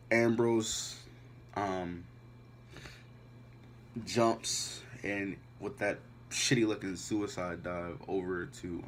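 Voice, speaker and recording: A man with a very deep voice recaps a wrestling show casually, blunt and heavy on swearing. Faint noise hums behind him. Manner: profane, blunt, dismissive.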